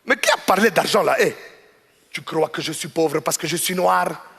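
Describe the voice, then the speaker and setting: A man voicing a pushy, proud, easily offended male customer who lectures loudly in a stand-up comedy bit on a large theater stage. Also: a little high, normal speed, creaky. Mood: indignant. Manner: indignant, lecturing, rising to excited outbursts. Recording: stage mic with hall reverb, faint noise.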